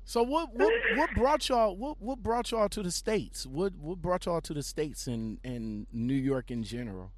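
A man hosting a casual podcast interview, hyping up his guest with excited, repetitive phrasing. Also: a little high, a little slow, few pauses. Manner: animated, repetitive hype-man delivery. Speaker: podcast host.

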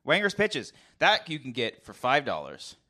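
A man's voice: medium pitch, huge pitch swings, moderate pace, pushed and bright. A man hosting a podcast, running through show plugs in a rambling, casual way with lots of filler words, recorded in a hotel room. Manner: rambling, filler-heavy, laughs easily. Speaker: podcast host. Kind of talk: casual chat, housekeeping plugs.

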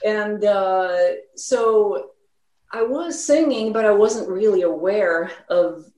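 In an echoey room, a woman musician who grew up in Sweden rambles loosely through an interview, filling it with fillers and speaking with a faint Swedish accent. Her medium-pitched voice is slow and a little mellow.

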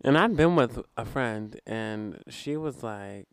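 A woman's voice: extremely low pitch, lively intonation, takes it slowly, clean tone, dry recording. A woman co-hosting a podcast who tells anecdotes in casual chat, bluntly and jokingly. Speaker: podcast co-host.

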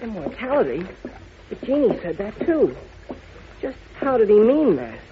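Through a tinny, noisy old radio recording comes a boyish young cub reporter. His high voice swings about eagerly, naive and excitable in 1940s adventure-serial style. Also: moderate pace. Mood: eager, curious.

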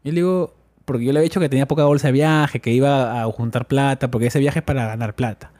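A man's voice: mid-range voice, quick pace, no echo. A man, animatedly telling a story as a podcast co-host. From Peru. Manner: animated, acts out voices in his anecdote. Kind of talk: casual storytelling.

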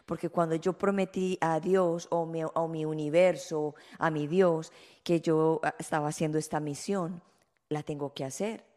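Woman host, spiritual talk, lower voice, long reverb tail. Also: fairly even intonation, moderate pace, warm tone. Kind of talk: spiritual conversation.

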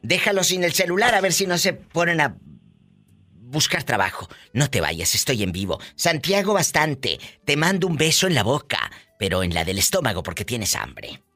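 A man's voice: a little high, very animated, normal speed, bright, forceful tone. A man hosting a live radio call-in show, flamboyant, gossipy and teasing.

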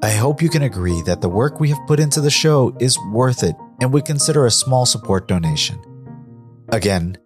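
A man's voice: mid-range voice, expressive, brisk, faint music behind. A man hosting a podcast, delivering scripted narration to his listeners. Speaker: podcast host.

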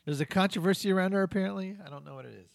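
A man's voice: high voice, rapid-fire, vocal fry, no room sound, studio quality. A man from North Carolina co-hosting an improvised comedy podcast, laughing often as the exasperated straight man. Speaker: podcast co-host.

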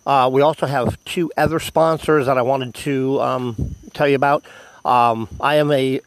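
An American man hosting a solo podcast, speaking haltingly with many ums and whistling slightly on his words because of missing teeth. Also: mid-range voice, steady tone, dry recording, poor audio. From United States. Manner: halting, filled with ums and pauses. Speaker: podcast host. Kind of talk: solo podcast announcements to listeners.

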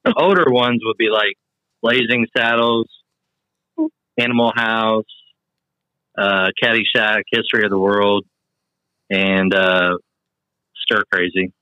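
Lowish, bright man on a muffled line. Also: fairly even intonation, slow pace, pauses often, dry recording. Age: 40s. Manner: blunt, swears freely, enthusiastic. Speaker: podcast guest. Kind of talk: casual chat about movies.

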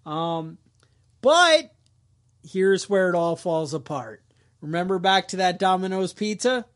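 A podcast co-host with a high-sitting voice recounts a story in casual banter. He's lively and wisecracking, jumping quickly into impressions.

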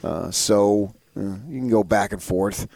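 A man's voice: fairly low pitch, unhurried, gravelly, darkish tone, no room sound, clean studio sound. Emphatic male sports radio co-host. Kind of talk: conversational sports talk commentary.

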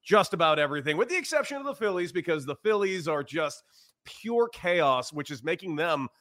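A man's voice: a little high, lively intonation, brisk, fairly bright tone, no echo. A man hosting a sports podcast in casual chat, speaking in an emphatic, opinionated way.

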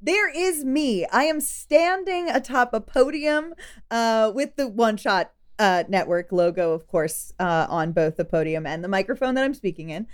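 A woman's voice: a little high, lively intonation, normal speed. A woman running a tabletop game as game master, improvising the narration.

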